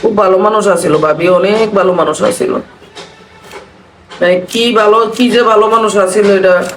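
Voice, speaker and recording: A woman's voice: mid-range voice, fairly even intonation, moderate pace, soft background music. A woman, chatting while cooking and reminiscing in a repetitive, mournful way. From Bangladesh. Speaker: vlogger. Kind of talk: casual chat while cooking. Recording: roomy, from a distance, faint noise.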